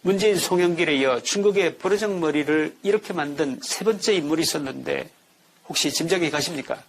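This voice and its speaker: A man's voice: fairly high pitch, brisk, creaky. A man giving scripted political commentary in an indignant tone, building his points through rhetorical questions.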